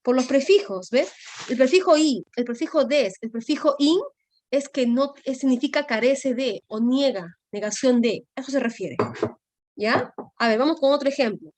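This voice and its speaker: A woman's voice: sits high, animated, normal speed, a little mellow, dry recording. A woman teaching a grammar class, explaining patiently and checking often with her students. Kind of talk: online class lecture.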